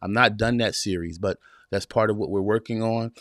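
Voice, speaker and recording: A man's voice: lowish voice, brisk, fairly bright tone, dry recording, studio quality. A man in his forties hosting a live podcast stream from a small home room, speaking in a preacher-like rhythm, repeating phrases and greeting viewers. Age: 40s. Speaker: podcast host.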